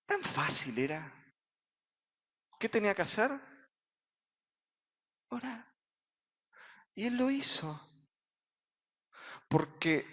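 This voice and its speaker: A man with an Argentine accent, a pastor preaching a sermon in a church, full of rhetorical questions and sudden shouts. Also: on the high side, gravelly. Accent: Argentine Spanish. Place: church sanctuary. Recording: reverberant hall, dull sound.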